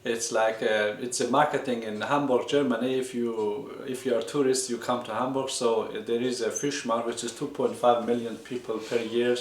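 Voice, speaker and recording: Man, from Iran, co-host, casual chat, playful, animated, average pitch, echoey room. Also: normal speed, hardly any pauses.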